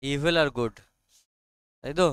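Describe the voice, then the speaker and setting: A male teacher with a Bengali accent running a classroom lesson, quizzing his students and reading English lines slowly aloud. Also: a little high, a bit bright, clean tone, no room sound.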